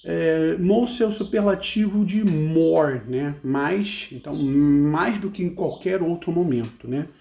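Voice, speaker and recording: This speaker's voice is a little high, creaky and warm. He is a Brazilian man teaching English who explains song lyrics patiently in a Brazilian Portuguese accent, ending phrases with "né?" and reading the English lines slowly and carefully.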